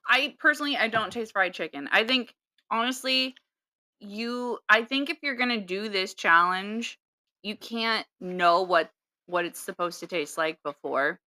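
Young woman, podcast co-host, bright and forceful tone, dry close sound, hesitant restarts. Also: mid-range voice, unhurried, no echo. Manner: hesitant, trailing off with many restarts. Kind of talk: casual chat.

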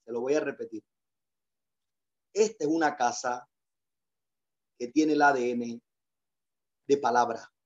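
A man's voice: medium pitch, unhurried, long pauses. Guy pastor preaching, repeats stuff for emphasis, kinda muffled audio. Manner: emphatic, repeats key phrases. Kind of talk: sermon with call-and-response.

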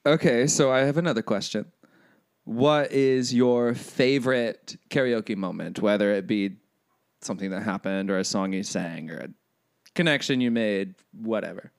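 A man's voice: fairly low pitch, moderate pace, gravelly, smooth. A man chatting casually on a podcast, asking questions in a playful, profane way. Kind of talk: casual chat.

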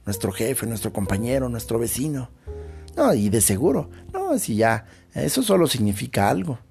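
A man's voice: medium pitch, big pitch swings, moderate pace, creaky, a little mellow, soft background music. A Mexican man hosting a podcast, talking through a casual, thoughtful monologue with slangy asides. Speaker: podcast host. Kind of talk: reflective monologue.

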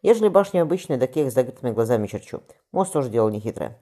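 A man's voice: mid-range voice, sing-song, rapid-fire, dark tone. A man voicing an earnest, capable young apprentice boy who speaks eagerly and respectfully.

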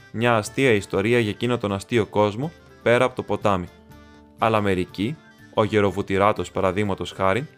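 A man narrating a novel as an audiobook reader, in a steady, even reading. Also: fairly low pitch.

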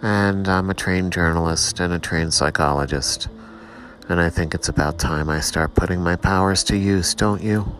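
A man's voice: sits low, normal speed, fairly bright tone, soft background music. A man hosting his own show in a rambling, self-mocking, preachy solo monologue. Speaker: podcast host.

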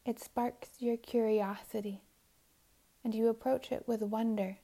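A woman guiding a meditation in a soft, soothing voice, often drifting into whispers. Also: a little high, fairly even intonation, a little slow, creaky. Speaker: meditation guide. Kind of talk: guided meditation narration.

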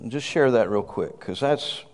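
Speaking unhurriedly with lively intonation in a mid-range voice, a man in his fifties delivers a sermon with a congregant. He's exuberant, calling out praise and yelling "woo," all captured in a reverberant hall.

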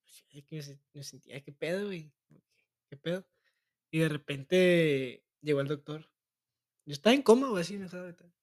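Joking Mexican man with a high voice. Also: lively intonation, a little fast. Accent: Mexican Spanish. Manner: joking, storytelling with wild swings in loudness. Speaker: podcast co-host. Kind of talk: casual crude banter.

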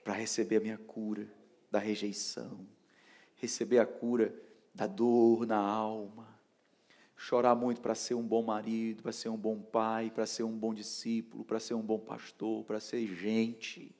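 A man preaching an emotional sermon, swinging from shouts down to hushed near-whispers. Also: fairly low pitch, little pitch movement, measured pace. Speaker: pastor.

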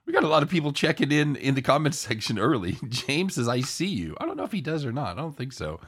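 A man's voice: fairly high pitch, sing-song, quick pace, a bit bright, husky. A man hosting a live sports betting show in casual, jokey banter, irreverent and given to casual swearing.

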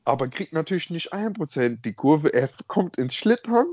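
A man's voice: a little high, very animated, moderate pace, a little mellow, no echo. Young man, emphatic casual storyteller, dry slightly muffled call audio. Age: young adult. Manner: slangy, emphatic, peppered with filler address words. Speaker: podcast co-host. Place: at home on an internet call.

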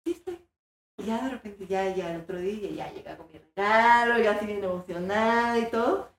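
A young woman with a Mexican accent, an animated storyteller who acts out the voices in her story. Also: medium pitch, fairly quick, heavy reverb. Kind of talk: casual chat.

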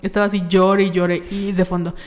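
A woman's voice: mid-range voice, little pitch movement, brisk, big-room sound. A young Mexican woman co-hosting a podcast, telling stories in casual chat and acting out quoted voices. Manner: chatty storyteller, acts out quoted voices. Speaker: podcast co-host.

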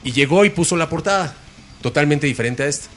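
A man's voice: on the high side, expressive, fast, fairly bright tone. A Mexican man, a guest musician, telling rambling stories in casual chat with many restarts. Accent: Mexican Spanish.

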